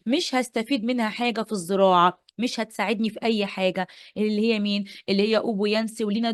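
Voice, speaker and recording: Rapid-fire Egyptian woman teacher. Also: fairly high pitch, dry recording, clean studio sound. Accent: Egyptian Arabic. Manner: playful, repeats points and quizzes pupils. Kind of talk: exam-prep lesson.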